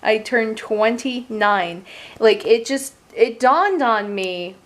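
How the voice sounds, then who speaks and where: A woman's voice: a little high, lively intonation, takes it slowly. A woman in her late twenties giving a casual, rambling monthly update vlog from her couch as a gaming streamer. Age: 20s. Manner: chatty and rambling, with frequent fillers and casual swearing. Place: at home on a couch.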